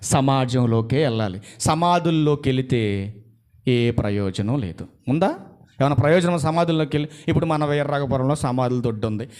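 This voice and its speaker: A man preaching a sermon to his congregation. He fires rhetorical questions at his listeners and stretches key words out slowly for emphasis. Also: medium pitch, a little mellow.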